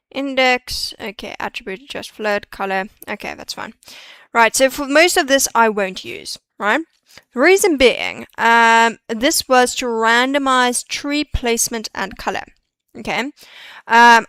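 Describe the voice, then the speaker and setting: A woman with a fairly high, pushed, bright voice streams a 3D modeling session, her tone clean with no echo. She chats and mutters to herself as she thinks aloud through each step of the tutorial.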